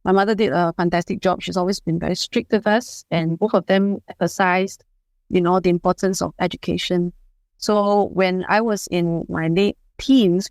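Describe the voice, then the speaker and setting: Low-voiced Singaporean woman giving career advice. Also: darkish tone, dry recording. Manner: measured, advisory, frequent "you know" and "I would say". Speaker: guest, HR leader and board member. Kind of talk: podcast interview.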